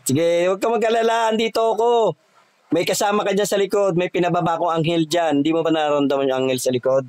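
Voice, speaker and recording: A man's voice: high-pitched, steady tone, fast, a little mellow, clean tone, no room sound, poor audio. Commanding faith healer man, dry sound. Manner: commanding, repeats short questions. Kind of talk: online healing session.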